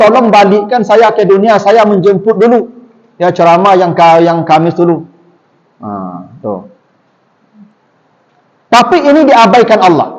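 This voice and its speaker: Animated preacher in a reverberant mosque. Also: male voice, sits high. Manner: animated, often addresses the congregation, acts out quoted speech. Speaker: Islamic preacher explaining Quran verses. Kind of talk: mosque sermon, Quran commentary. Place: mosque hall after evening prayer. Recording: long reverb of a mosque hall.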